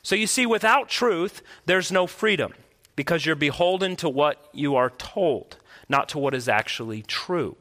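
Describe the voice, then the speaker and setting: A man's voice: on the high side, lively intonation, normal speed, a bit bright. A man, a pastor, preaching a sermon earnestly and emphatically into a pulpit microphone in a church. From United States. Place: church sanctuary.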